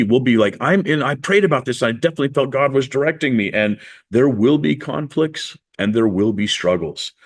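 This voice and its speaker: A man preaching a sermon in a conversational, storytelling way, acting out the people he quotes. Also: medium pitch. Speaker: pastor.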